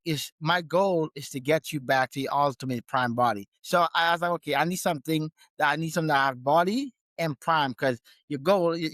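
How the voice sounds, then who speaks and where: Easygoing man from Guyana, slightly high. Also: no room sound. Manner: relaxed, repeats and restarts, says "man" often. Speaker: guest, gym owner and fitness trainer. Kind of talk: casual interview conversation.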